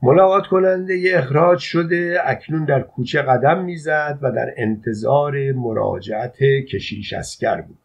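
A man narrating an audiobook in a measured, even storytelling manner. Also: medium pitch, vocal fry. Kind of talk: audiobook reading. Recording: dull lo-fi audio.

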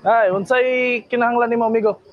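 A man's voice: extremely high pitch, steady tone, fast talker, dry recording, muffled recording. A man with a Cebuano Filipino accent playing a polite, patient bartender at an open-air bar in a naturalistic film drama. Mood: attentive, puzzled.

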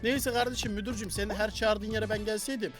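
Young male gaming youtuber, very high voice, quick and loud, jokey running commentary, faint game music under. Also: steady tone. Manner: loud, joking, talks to the game characters. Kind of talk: excited gameplay commentary.

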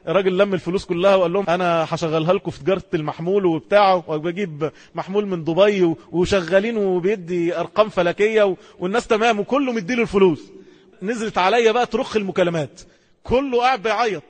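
Egyptian male preacher, high and passionate, fast storytelling, long hall echo. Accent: Egyptian Arabic. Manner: impassioned, rapid storytelling with sudden emphatic rises. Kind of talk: Islamic sermon.

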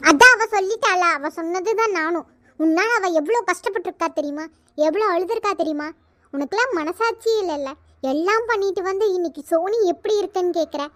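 An indignant young woman friend, as a woman voices her in a cartoon comedy, sharp-tongued and accusing. Her voice is very high, close and dry. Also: a little fast, dry recording.

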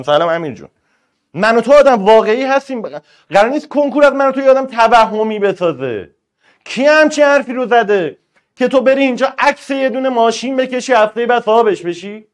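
A man with a high voice lectures students in a lively, colloquial way. His urging rises loud and pressing, then drops to gentle asides. He sounds like a teacher giving a motivational talk on a live stream. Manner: emphatic, colloquial, swings between loud urging and soft asides. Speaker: exam-prep teacher.

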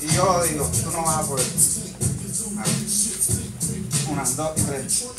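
Young guy doing magic tricks in a barbershop, kinda high voice, talking into a far-off mic with loud music. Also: moderate pace. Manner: playful, coaxing, switches between English and Spanish. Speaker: magician performing for barbershop customers. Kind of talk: casual close-up magic patter. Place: indoor barbershop. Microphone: camera mic from across the room. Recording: echoey room, distant mic, loud music.

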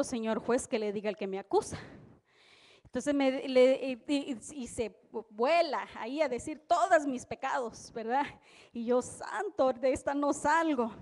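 High-pitched woman preacher, animated storyteller, live church sermon. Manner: animated storytelling, exclamations of praise. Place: church service.

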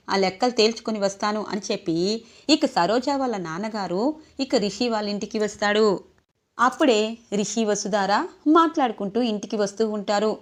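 A woman retelling a TV serial episode as a story, reading out every character's lines in turn. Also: medium pitch. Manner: animated storytelling, acts out each character's lines. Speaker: serial recap narrator. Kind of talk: retelling a TV serial episode, voicing all dialogue.

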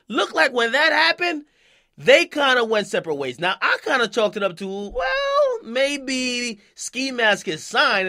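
A man hosts an opinionated, slangy hip-hop commentary show, his high voice pushed and bright. He speaks emphatically and punctuates his points with checking questions.

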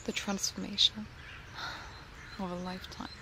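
With a mid-range voice and flat, lightly acted delivery, a woman in her twenties whispers a soothing ASMR roleplay as a serene young cult member. She sounds reverent, speaking slowly and quietly into a close binaural mic. The recording is outdoors among trees, full of nature sounds and birdsong.

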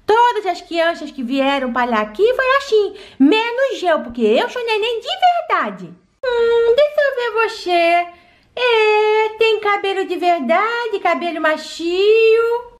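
A woman's voice: very high-pitched, pitched below the performer's own voice, exaggerated voice. A Brazilian woman voicing a cheeky, jealous baby-girl doll in a toy play video, with a teasing, babyish manner. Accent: Brazilian Portuguese.

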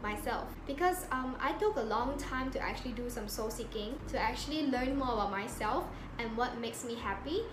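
A woman's voice: a little high, moderate pace, few pauses, echoey room, noisy background. A woman in her twenties, a designer, giving reflective, articulate interview answers to camera. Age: 20s. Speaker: designer guest. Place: indoor bedroom.

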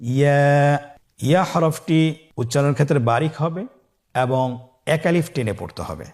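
A man from Bangladesh teaching the Quran in a recorded lesson, patient and instructive, stretching each letter name long and loud so listeners can repeat it. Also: a little high, expressive, normal speed.

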